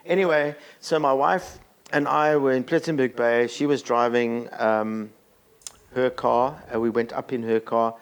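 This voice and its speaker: A man's voice: medium pitch, steady tone, unhurried, smooth. A man, a podcast guest telling long, rambling stories with many ums and restarts. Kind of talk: casual storytelling chat.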